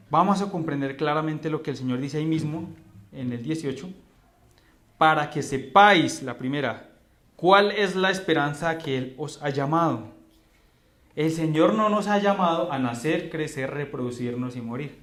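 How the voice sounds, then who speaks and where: A man with a Colombian accent preaching a sermon as pastor, with emphatic repetitions and rhetorical questions. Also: fairly high pitch. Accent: Colombian Spanish. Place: church hall. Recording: echoey church hall.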